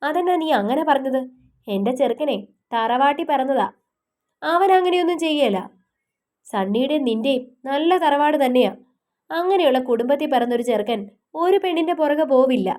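A woman's voice: sits high, lively intonation, moderate pace, long pauses, a little mellow, voice pushed up. A woman voicing a proud older mother who defends her family, speaking indignantly in a storybook reading. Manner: indignant, insistent.

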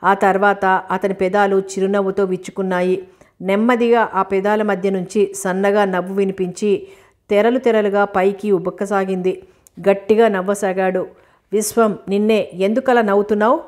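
A woman narrating a novel as an audiobook, steady and measured. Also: medium pitch. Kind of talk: novel reading.

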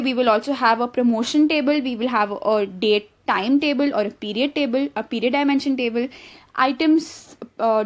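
A woman with a high voice talks through slides in a recorded online lesson. Her explanations stay easygoing, with frequent ums and uhs and sentences she stops and starts over. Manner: explanatory, frequent fillers and restarts. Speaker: online course educator.

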